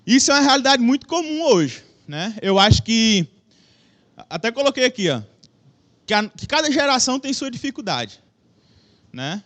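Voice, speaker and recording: Young brazilian guy preaching, pretty high voice, chatty and jokey, mic in a church hall. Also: sing-song, normal speed, long pauses, a bit bright. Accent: Brazilian Portuguese. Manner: chatty, joking, self-deprecating, addresses the audience with questions. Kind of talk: casual conversational sermon. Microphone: microphone with a stage monitor.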